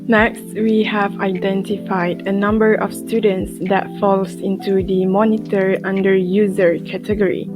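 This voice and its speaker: A woman's voice: mid-range voice, little pitch movement, unhurried, hardly any pauses. A woman student presenting a class project, reading her script as narration. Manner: reads a prepared academic script. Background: guitar music.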